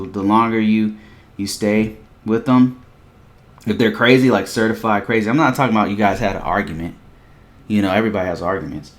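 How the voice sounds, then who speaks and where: A man with a somewhat low voice hosts a casual live stream. He talks in a loose, rambling way, full of fillers and repeated phrases. He speaks straight to his viewers as he tells a story and hands out blunt advice.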